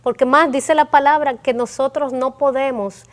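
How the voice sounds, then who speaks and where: A woman's voice: sits high, steady tone, moderate pace. Earnest woman sharing a prayer testimony. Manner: earnest, emotional storytelling with quoted prayers. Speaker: guest.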